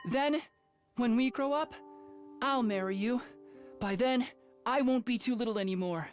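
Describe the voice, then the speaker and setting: An earnest anime hero as a little boy, acted by a woman, speaks slowly and tenderly. He sounds determined and protective, in game-dub style, with faint music behind. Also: fairly high pitch, lightly acted.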